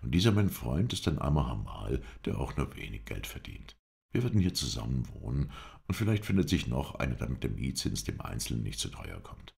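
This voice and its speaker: A man voicing a calm, firm male traveller who questions people in a curt, businesslike way. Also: very deep voice, fairly quick, vocal fry, exaggerated voice.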